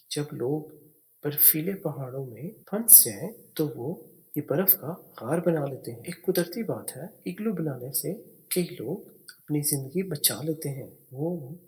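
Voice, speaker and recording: Slow, patient man teaching. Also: fairly high pitch. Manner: spells words letter by letter, explains each sound patiently. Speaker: English teacher. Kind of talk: slow spelling and pronunciation lesson.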